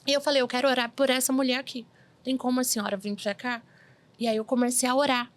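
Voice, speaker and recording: In a casual interview, a Brazilian medium in her forties relates her life story in a high-pitched voice, talking fast. She tells it animatedly, giving voice to each person she quotes.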